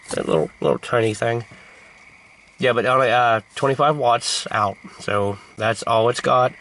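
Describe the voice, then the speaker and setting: In a fairly low, creaky and slightly bright voice, a hobbyist vlogger from the United States rambles casually to the camera. He's playful, slangy and a bit profane, and the poor audio carries a little hiss or hum.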